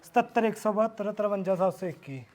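A soft-spoken man, a buffalo seller, answering in short replies. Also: high voice, a little fast.

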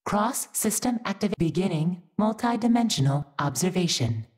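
A woman voicing a female computer system in a video game, giving flat machine announcements that throw errors and cut off mid-word. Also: lowish voice, moderate pace, natural voice. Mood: monotone. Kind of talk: video game story scene voice acting.

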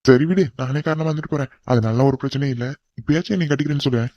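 A man with a medium-pitched, dark-toned voice rattles off lines rapid-fire while voicing a cocky young cartoon character who teases his cousin in a bold, bossy way. His voice stays close to everyday speech. The recording is muffled but has no echo.

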